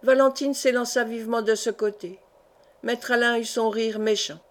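A woman reading an audiobook of a historical novel in an even, measured way. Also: a little high. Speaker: audiobook reader.

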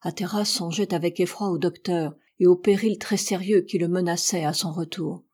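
A woman reading a classic adventure novel aloud in a steady, measured narration. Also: lowish voice, breathy edge. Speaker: audiobook reader.

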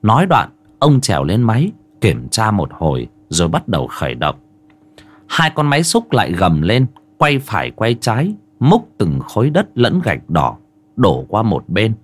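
A man narrating a folk ghost story in an animated, dramatic way. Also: lowish voice, moderate pace, husky.

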